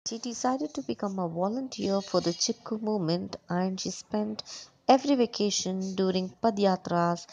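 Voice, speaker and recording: Young woman teacher, explains a school lesson in short bits, mid-pitched voice. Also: normal speed, a little mellow, a little hiss or hum, rough recording. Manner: reads and explains in short phrases.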